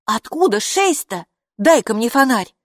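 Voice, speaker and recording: A woman voicing a bossy, sharp-tongued young girl in an audiobook who snaps and mocks. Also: on the high side, big pitch swings, unhurried, dry recording, studio quality, pitched above the performer's own voice. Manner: snapping, mocking. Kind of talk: audiobook character voice.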